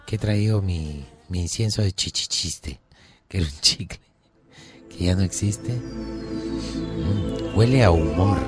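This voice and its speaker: A man playing a mystic male astrologer who reads the horoscope in a low, slow, solemn voice. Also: music in the background. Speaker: horoscope reader.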